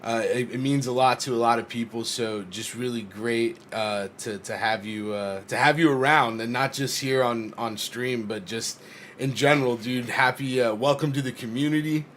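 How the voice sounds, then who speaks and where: A man hosting a casual livestream, talking in a relaxed, friendly way with many fillers. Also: mid-range voice, moderate pace, slight background noise. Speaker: stream host.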